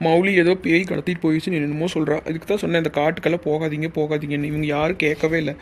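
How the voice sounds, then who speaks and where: A woman's voice: low-pitched, flat delivery, very fast, a little mellow. A woman voicing a tearful, worried mother whose daughter is missing, in a cartoon. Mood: distraught. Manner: tearful, worried, blaming herself. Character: distraught mother of a missing girl.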